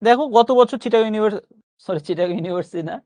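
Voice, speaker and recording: A man's voice: high voice, very fast, warm tone, no room sound. A man teaching a pronunciation class online, reassuring his students and slipping English phrases into his lecture.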